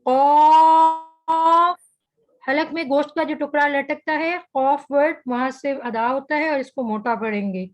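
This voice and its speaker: A woman teaching an online tajweed class, saying each letter slowly and carefully, then patiently explaining how it is made. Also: high-pitched, fairly even intonation, low-quality recording. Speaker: Quran recitation teacher.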